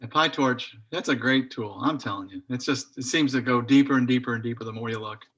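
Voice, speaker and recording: A man's voice: medium pitch, brisk, fairly bright tone. A man chatting casually in an online study group over a video call, rambling a little and thinking aloud as he goes.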